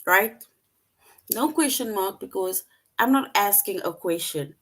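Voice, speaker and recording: A woman's voice: medium pitch, animated, unhurried, a bit bright. A woman teaching an online English lesson to young children, patient and repetitive, often checking in with "right?".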